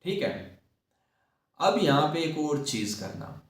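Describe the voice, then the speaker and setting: A man teaching acting who talks slowly and emphatically and repeats his key words. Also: fairly high pitch, very animated. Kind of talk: acting lesson talk. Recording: echoey room, far from mic.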